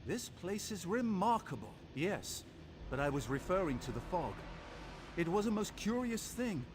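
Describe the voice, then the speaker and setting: A man's voice: high voice, sing-song, normal speed, noisy background. A man voicing an eager, erudite scholar of ancient ruins in a video game, wordy and theatrical in his delivery. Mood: rueful, intrigued. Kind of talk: scripted video game character dialogue.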